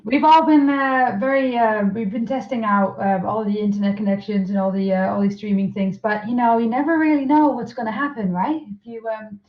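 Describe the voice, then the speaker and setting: A woman hosts a live online event in a relaxed, chatty way, her voice slightly high. Her sound comes through muffled, with a roomy echo around it. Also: a little fast, few pauses. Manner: chatty, laughs often. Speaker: conference host. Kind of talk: casual live-stream chat. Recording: muffled roomy call audio.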